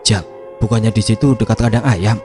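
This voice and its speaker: A man's voice: on the low side, fairly even intonation, a little fast, over music, natural voice. A man doing Faris, a cautious young student. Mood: uneasy. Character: young male boarding-school student, thoughtful and cautious.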